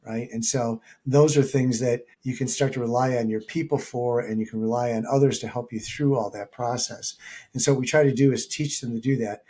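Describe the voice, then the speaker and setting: A man's voice: medium pitch, warm tone, slightly rough. A man, a leadership coach being interviewed, talking conversationally and acting out quoted dialogue in his anecdotes.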